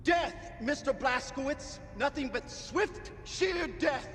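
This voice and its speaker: High, forceful, pompous villain judge. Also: male voice, lively intonation, normal speed, faint music behind. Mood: gloating, solemn. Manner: grandiose, declaiming. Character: pompous, theatrical fascist judge passing sentence. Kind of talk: villainous video game acting. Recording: reverberant hall with rumbling noise.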